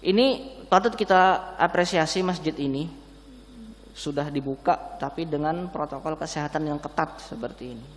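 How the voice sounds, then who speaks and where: A man delivers an Islamic sermon through a face mask, a little short of breath. His voice sits on the high side and rings with long hall reverb. He explains points conversationally, posing questions to his listeners. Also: moderate pace, a little hiss or hum. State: slightly breathless. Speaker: preacher. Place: large mosque hall, indoors.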